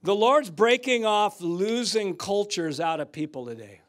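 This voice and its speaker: Animated man preaching a sermon. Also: high voice, unhurried. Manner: animated storytelling, swings from loud to hushed. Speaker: guest preacher. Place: church sanctuary.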